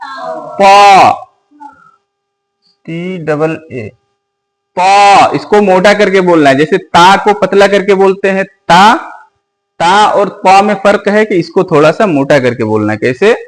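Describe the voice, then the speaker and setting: A man teaching Quran letters, asking questions and repeating each letter slowly and patiently. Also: high voice, poor audio.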